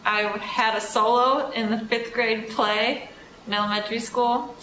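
A woman's voice: fairly high pitch, steady tone, measured pace, reverberant, recorded from a distance, background noise. A woman in her twenties telling a wry, self-deprecating anecdote indoors. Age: 20s. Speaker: interviewee. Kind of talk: casual anecdote.

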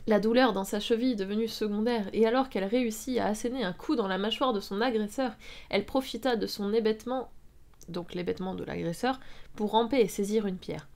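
A woman's voice: medium pitch, a little fast, a little mellow. A woman streaming live, reading a web story aloud and breaking off for sarcastic commentary. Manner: reads with frequent sarcastic asides and laughs.

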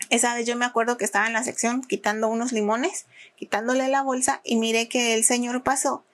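Lively Mexican woman telling a story. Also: fairly quick. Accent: Mexican Spanish. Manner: animated, acts out quoted people in higher voices. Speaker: podcast guest. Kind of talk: casual storytelling.

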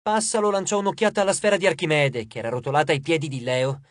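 A man narrating an audiobook in an expressive, lively storytelling manner. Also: a little high, fast, no room sound, clean studio sound.

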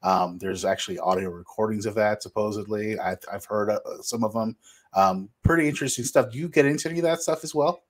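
A man's voice: on the low side, fast talker. A man co-hosting a live talk show, asking a meandering question full of "you know"s. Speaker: co-host. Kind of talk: casual interview questions.

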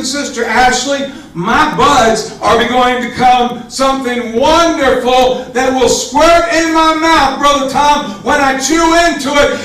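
In an echoey church hall, recorded far from the camera, a male pastor preaches a Pentecostal sermon to a small congregation in the sanctuary. Fervent and emphatic, he addresses them directly and rises to shouts, his very high voice moving slowly through highly reverberant space.

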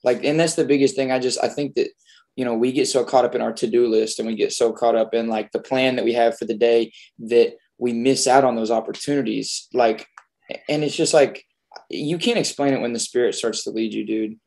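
A man's voice: medium pitch, steady tone, fairly quick, vocal fry, a little mellow. Laid-back young male host, slangy. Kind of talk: casual chat.

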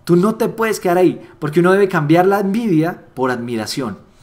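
Brief: male trainer, slightly high voice, animated and persuasive, hammers home key lines. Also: moderate pace. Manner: animated, acts out little dialogues with voice shifts; repeats key phrases for emphasis. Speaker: network marketing trainer. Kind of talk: motivational sales training talk.

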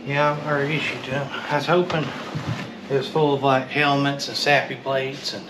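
Rummaging through an indoor metal storage unit, a man keeps up a casual chat while unboxing. His voice sits mid-range with little pitch movement and a moderate pace, and he's drawling and offhand, calling things slick. The recording has loud clanking noise behind him.

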